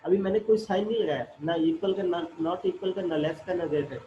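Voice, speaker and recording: High-voiced man teaching math. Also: fairly quick. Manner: explains step by step, asks and answers his own questions. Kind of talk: classroom math lecture. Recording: echoey room, dull lo-fi audio, faint noise.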